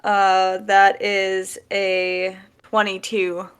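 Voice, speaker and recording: A woman playing a tabletop game who talks in a halting way and corrects herself as she goes. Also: mid-range voice, monotone, smooth. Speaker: player. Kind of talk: casual tabletop play.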